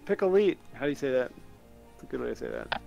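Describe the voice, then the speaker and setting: A man chatting casually and joking loudly with friends while playing a VR game over online voice chat. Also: medium pitch, quick pace, vocal fry, highs cut off, soft background music. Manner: joking, excitable, swears a lot. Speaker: gamer.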